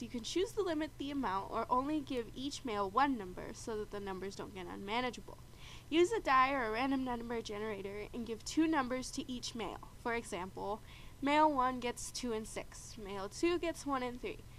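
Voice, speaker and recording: A woman whose voice is on the high side and a little fast hosts a video game, congested and stuffy from a bad cold. She is chatty and explanatory, narrating gameplay and rules while often clearing her throat, on poor audio with steady background noise.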